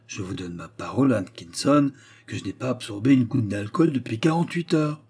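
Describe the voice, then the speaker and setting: A man voicing a feverish, restless young gentleman who talks in agitated, breathless bursts in an audiobook. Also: medium pitch, expressive, brisk, slightly rough. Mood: troubled. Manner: agitated, breathless, rambling speech. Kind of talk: audiobook character reading.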